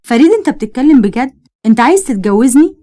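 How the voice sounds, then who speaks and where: Woman narrator playing an eccentric young Egyptian girl inventor: high, excited and defiant, rattling off her lines. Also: rapid-fire. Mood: earnest.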